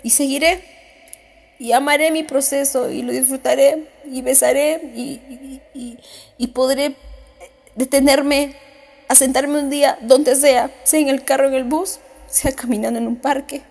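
A woman's voice: sits high, steady tone, measured pace, creaky, darkish tone. A woman podcast host, crying as she speaks, giving a heartfelt motivational monologue with repeated self-affirming phrases. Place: on the way home.

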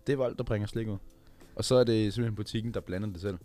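A man co-hosting a casual podcast chat, animated and emphatic, often repeating words as he builds a point. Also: lowish voice, faint music behind. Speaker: podcast co-host.

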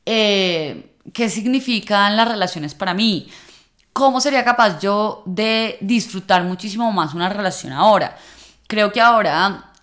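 A woman's voice: mid-range voice, unhurried, a bit bright. Reflective woman in her late twenties. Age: late 20s. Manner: reflective, conversational, frequent fillers and restarts. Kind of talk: personal vlog monologue.

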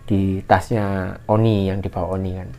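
A man telling a mountain story in casual conversation, acting out the shouted lines of others in a raised voice. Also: normal speed. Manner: animated, acts out shouted quotes in a higher voice. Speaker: guest storyteller. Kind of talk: casual spoken horror story.

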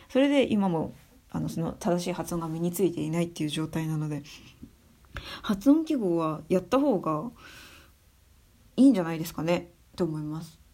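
A young adult woman giving her views in a casual spoken monologue, soft and thinking aloud with many fillers. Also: fairly low pitch, vocal fry. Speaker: speaker sharing views on education.

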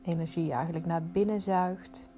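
A woman leading a guided meditation, giving soothing, unhurried instructions with pauses. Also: lowish voice, fairly even intonation, mellow.

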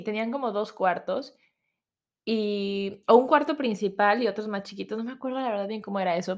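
A young woman with a Mexican accent tells a personal story in an easy, conversational way. Her voice sits in a middle register, neither high nor low. She keeps the delivery lively and animated, acting out the people she quotes as she goes. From Guadalajara, Mexico. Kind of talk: casual storytelling.

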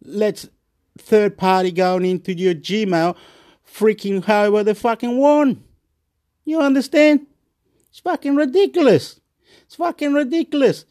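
A man from Chile rants to his camera, repeating himself and swearing as he works himself up. His voice sits a little high for a man. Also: steady tone, a little slow, pauses often, darkish tone. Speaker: YouTube vlogger. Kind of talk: rambling angry rant.

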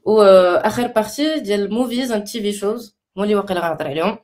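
A woman's voice: mid-range voice, fast, darkish tone. A woman with a Moroccan accent talking casually, mixing English and French terms into her Arabic. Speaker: panel participant sharing recommendations. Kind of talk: casual talk about design resources.

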